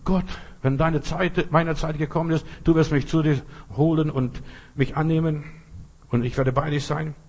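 A man preaching with a husky, slightly breathy voice. He talks straight to the listener, leaning hard on repeated phrases and pointed asides. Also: fairly high pitch, fairly even intonation, moderate pace, darkish tone. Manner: direct, addresses listener as du, emphatic repetitions. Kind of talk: sermon.

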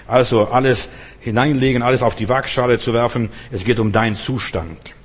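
Fervent preacher with husky voice, echoing hall. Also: male voice, mid-range voice, brisk. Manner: fervent, addresses listeners directly with repeated "weißt du"; repeats phrases for emphasis, some stumbles. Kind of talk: sermon. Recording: long hall reverb.

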